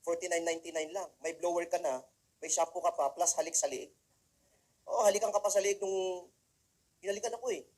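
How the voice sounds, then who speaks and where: A man's voice: sits high, steady tone, a little fast, long pauses, darkish tone. A man from the Philippines giving a humorous talk to students, telling comic stories and speaking straight to the audience. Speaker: motivational speaker.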